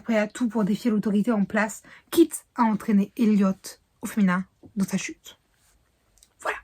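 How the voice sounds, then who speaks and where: A woman talks through her latest reads in a relaxed, chatty vlog, restarting and correcting herself as she goes. Her voice sits a little high and has a faint husky edge. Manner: chatty, rambling with fillers and self-corrections. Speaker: book vlogger. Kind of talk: casual reading vlog.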